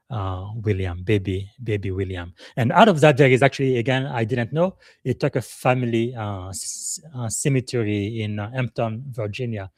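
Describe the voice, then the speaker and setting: A man's voice: on the low side, a little mellow, dry recording, studio quality. A middle-aged man from Congo, hosting a live podcast in an earnest, emotional way, with many hesitant "uh" fillers. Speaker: podcast host.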